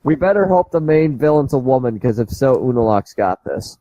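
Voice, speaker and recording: Man player, wry jokes, lively pitch, loud noise behind. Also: fairly quick, lo-fi sound. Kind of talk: casual tabletop play. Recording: very noisy quiet mic.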